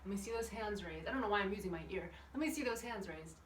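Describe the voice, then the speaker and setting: A woman leads a children's exercise class, chatting encouragingly and asking the viewers questions as she goes, in an expressive, mid-range voice at a quick pace. She's recorded indoors with the windows open by a distant camera, so the sound is echoey with background noise.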